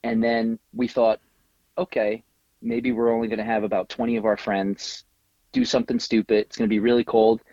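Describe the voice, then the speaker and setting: A middle-aged man, a tattoo artist guest, telling an animated story in a casual interview, laughing often and acting out what people said. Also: medium pitch, normal speed, no echo, highs cut off.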